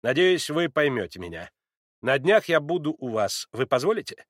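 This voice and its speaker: Brief: a haughty old-world prince, read by a man, lowered voice, measured and condescending, dry sound. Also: big pitch swings, no echo. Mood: cold haughty. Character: cold, self-righteous older aristocrat, a prince. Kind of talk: audiobook reading.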